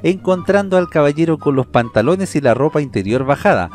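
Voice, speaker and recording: A man's voice: on the high side, expressive, a little fast, darkish tone, soft background music. A man with a Chilean accent, co-hosting a podcast, reading odd news items and joking about them in casual slang. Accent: Chilean Spanish. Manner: reads news items, then jokes in slang. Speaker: podcast co-host. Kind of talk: casual comedic chat.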